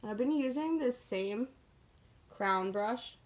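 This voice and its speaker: A woman's voice: on the high side, lively intonation, takes it slowly. A woman giving a casual, chatty get-ready-with-me makeup tutorial, talking in a sassy, slangy, self-deprecating way. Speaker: makeup vlogger.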